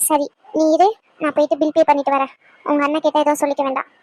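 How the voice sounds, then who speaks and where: A woman's voice: sits high, little pitch movement, quick pace, dry recording, close to an everyday voice. A woman voicing a soothing young sister-in-law. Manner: soft, soothing, reassuring. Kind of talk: cartoon voice acting.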